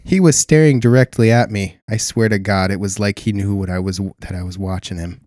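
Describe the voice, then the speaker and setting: A man hosting a comedy podcast, reading a spooky story aloud in a mock-dramatic, theatrical deadpan. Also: fairly low pitch, a little fast, no echo, studio quality. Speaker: podcast host.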